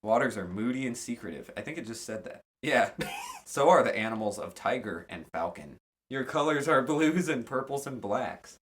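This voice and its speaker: A man's voice: mid-range voice, animated, moderate pace, a bit bright. A man co-hosting a podcast, reading quiz questions aloud and adding sarcastic asides in casual chat.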